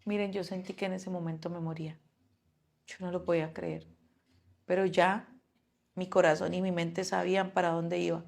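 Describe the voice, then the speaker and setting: A woman's voice: on the low side, flat delivery, moderate pace, gravelly, long pauses, darkish tone. A mother earnestly recounting a personal story, acting out what each person said. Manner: earnest, acts out quoted dialogue. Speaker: mother telling her own story.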